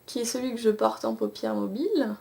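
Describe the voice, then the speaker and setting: A woman's voice: on the high side, fairly quick, creaky, darkish tone. A young woman casually reviewing eyeshadows to a camcorder, chatty, with many fillers and restarts. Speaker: beauty vlogger. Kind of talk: casual makeup review with swatches. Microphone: camcorder mic.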